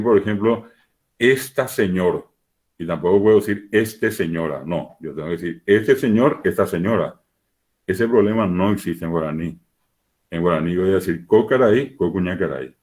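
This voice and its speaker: A man's voice: sits low, darkish tone. A man teaching a lesson, explaining patiently and steadily with many repeated examples over what sounds like a video call. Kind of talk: lecture.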